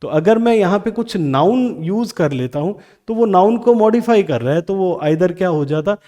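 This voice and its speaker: A man teaching English grammar in Hindi, asking questions and answering them himself, reading example sentences slowly with an Indian English accent. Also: sits high, animated, warm tone. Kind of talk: classroom grammar lesson.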